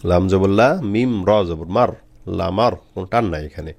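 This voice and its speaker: A man teaching Quran reading, slowly spelling out Arabic letters and drilling the long vowels with patient repetition. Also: sits low, darkish tone, dry recording.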